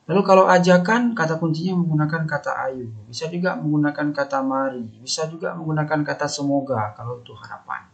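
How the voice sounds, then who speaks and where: A man's voice: on the high side, fast talker, creaky. A man giving a recorded lesson over slides, explaining step by step and often repeating his key phrases. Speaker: teacher. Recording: dull lo-fi recording.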